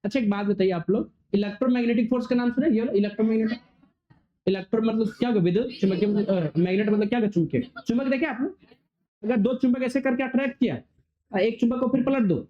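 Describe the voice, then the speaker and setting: A male physics teacher lecturing a classroom, firing quick questions and waiting for students to answer. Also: high voice. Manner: quizzing students, call-and-response. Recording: dull lo-fi recording.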